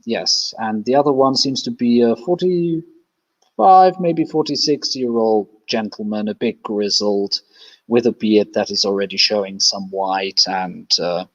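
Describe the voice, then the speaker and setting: Slow, low-voiced man narrating a game. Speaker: player. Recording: dull lo-fi.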